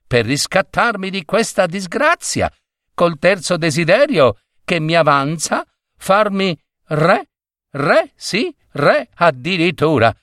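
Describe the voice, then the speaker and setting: A man's voice: medium pitch, big pitch swings, unhurried, a bit bright, dry recording, studio quality. A man voicing a blustering, grumbling peasant woodcutter in a storybook reading. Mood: musing. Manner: blustering, sighing. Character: grumbling peasant woodcutter husband, middle-aged.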